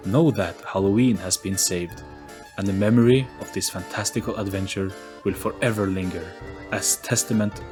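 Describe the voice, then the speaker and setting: With soft background music playing faintly, a man tells a story as a dramatic, scripted storybook-style audio play. His voice is on the low side and his pace normal.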